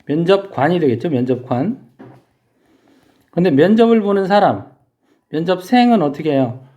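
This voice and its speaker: A man's voice: fairly high pitch, very animated, moderate pace, dark tone. A man teaching English vocabulary in a lecture, explaining step by step and asking his students questions.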